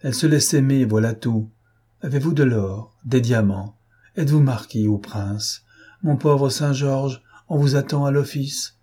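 A man voicing a gentle young woman servant who speaks softly and with gentle reproach in an audiobook. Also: mid-range voice, a little slow, husky, voice pushed up. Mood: tender, rueful. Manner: soft, pleading and gently reproachful. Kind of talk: audiobook character voice.

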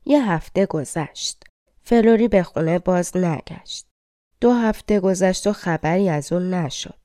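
Fairy tale audiobook narrator, woman, low mellow voice, dry close sound. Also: dry recording. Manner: measured, dramatic storytelling.

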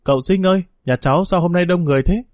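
A small, innocent village boy , voiced by a man, chirps in a raised, childlike pitch. He sounds pleading and playful, and the recording is dry and close. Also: quick pace, darkish tone, no echo, close to an everyday voice. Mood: curious.

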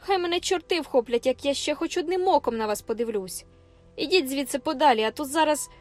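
A sulky, rough young man barks out curses and resentful retorts, as a woman reader puts him on. The voice stays fairly high for a man. Faint music runs under the audiobook reading. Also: brisk, lightly acted. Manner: rude and gruff, shouting curses. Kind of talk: audiobook character voice.

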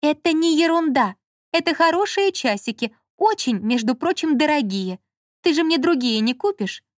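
Женщина в аудиокниге озвучивает молодую капризную обидчивую героиню жалобным высоким голосом. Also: female voice, expressive, normal speed, no room sound, studio quality. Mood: plaintive. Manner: plaintive, pouting, high-pitched. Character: young woman Lola, fussy, whiny and touchy. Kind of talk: audiobook character reading.

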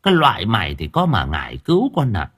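A man's voice: lowish voice, huge pitch swings, fast, a bit bright, husky, heavily acted. A man doing a cursing old exorcist woman. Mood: scolding. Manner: scolding, cursing. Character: fierce old village exorcist woman, foul-mouthed.

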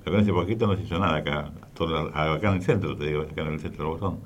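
A man's voice: very deep voice, racing, lo-fi sound, slight background noise. A man with an Argentine accent co-hosting a radio show, telling rambling colloquial stories. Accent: Argentine Spanish. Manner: rambling, colloquial, says "¿viste?". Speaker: radio co-host. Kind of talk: casual radio chat.

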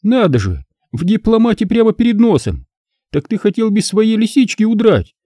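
A sneering, spiteful young woman, put on by a male narrator, taunts in a raised, lively voice. She mocks with wide swings of pitch. The sound is close and dry. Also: moderate pace, no room sound. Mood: gloating mockery. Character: spiteful scheming young woman, mocking and shrill.

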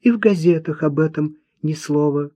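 A fussy old woman frets in a lifted, high voice, put on by a male narrator. It plays like an audiobook scene, close and dry. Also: normal speed, warm tone, no echo, muffled recording, natural voice. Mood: fretful.

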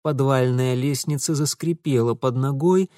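A man's voice: medium pitch, moderate pace, dry recording, studio quality. A man narrating an audiobook dramatically, voicing sound effects along the way. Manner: dramatic, expressive reading with voiced sound effects.

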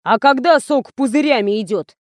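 A woman's voice: on the high side, moderate pace, no room sound, clean studio sound, lightly acted. A woman voicing a fussy, methodical man who explains the sponsor's rules matter-of-factly.

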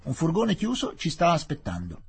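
A man voicing a nervous police inspector with a shrill, high, overly formal voice. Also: wildly swooping pitch, moderate pace, gravelly, a little mellow, slightly rough, exaggerated voice. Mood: anxious.

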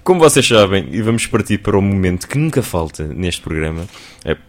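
A man's voice: low-pitched, sing-song, fairly quick. A man with a European Portuguese accent hosting a radio show, playful and joking as he interviews his guest. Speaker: radio host.

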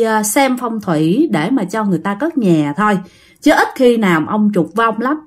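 Chatty woman telling ghost stories. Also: a little high. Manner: chatty, addresses listeners directly. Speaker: storyteller. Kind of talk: ghost story narration.

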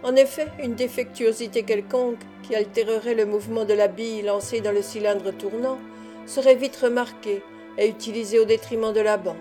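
Mellow-voiced woman reading a novel aloud. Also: on the high side, steady tone, fairly quick, soft background music. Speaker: audiobook narrator. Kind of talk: scripted narration.

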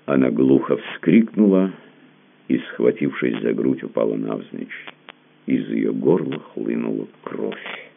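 Очень низкий скрипучий мужской голос. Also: male voice, a bass voice, measured pace, gravelly, slight background noise. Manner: dramatic, expressive. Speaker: audiobook narrator. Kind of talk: literary audiobook reading. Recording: narrow phone-like band.

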